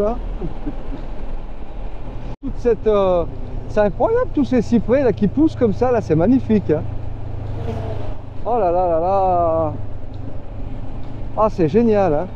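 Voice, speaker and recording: This motorcycle vlogger, a man with a high-sitting voice, chats live to himself and his viewers while riding on the road outdoors. He talks at normal speed with long pauses, fillers and asides, and the recording is muffled with slight background noise.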